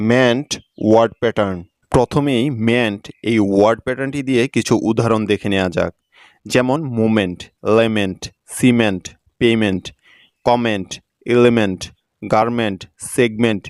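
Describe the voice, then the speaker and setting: A man's voice: mid-range voice, clear, resonant tone, no echo, studio quality. A man explaining English spelling in a patient, scripted lesson, spelling words out letter by letter. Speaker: English teacher.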